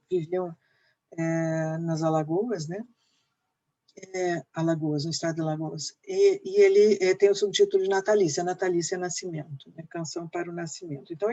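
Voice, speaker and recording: A woman's voice: on the low side, a little mellow, lo-fi sound. A woman literature teacher, explaining a poem and tapping out its rhythm with frequent fillers. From Brazil. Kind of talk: lecture with poetry reading.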